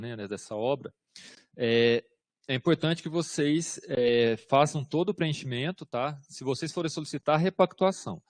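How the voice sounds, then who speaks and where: Brazilian man, mid pitch, filler-heavy webinar trainer, dry close mic. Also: dry recording. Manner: informal, repeats "tá?" and hesitant fillers. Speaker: government systems instructor. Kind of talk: online workshop Q&A explanation.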